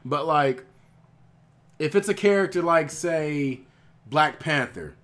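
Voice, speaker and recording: A man's voice: a little high, takes it slowly, fairly bright tone. A man co-hosting a casual podcast chat, explaining his views in a hesitant, thoughtful way with many fillers. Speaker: podcast co-host.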